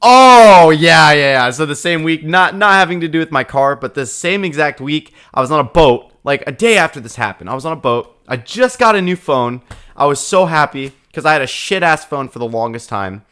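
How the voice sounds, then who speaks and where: A man's voice: fairly high pitch, brisk, smooth. A young man in his twenties on a podcast, casually telling a story with lots of swearing and laughter. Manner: profane, laughing, animated retelling. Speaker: podcast co-host.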